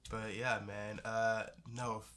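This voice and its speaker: A man's voice: on the low side, little pitch movement, slow pace, a bit bright. A young man co-hosting a casual movie chat in laid-back, profane frat-bro slang. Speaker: podcast co-host.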